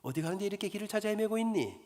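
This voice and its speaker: A man's voice: sits high, animated, very fast, a little mellow, in a large hall. A man voicing a sly cat who mocks a lost girl. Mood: teasing. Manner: mocking, teasing.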